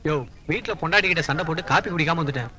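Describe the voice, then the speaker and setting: A man's voice: fairly high pitch, racing, sharp tone. An actor playing a petty policeman who blusters and haggles for a bribe. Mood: blustering. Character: petty bribe-seeking policeman, gruff and greedy.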